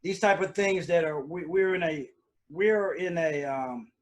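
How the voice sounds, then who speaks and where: A man with a slightly higher voice hosts a casual live stream from home. He rambles along loosely, full of fillers and restarts, talking into a computer mic. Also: measured pace. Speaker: host.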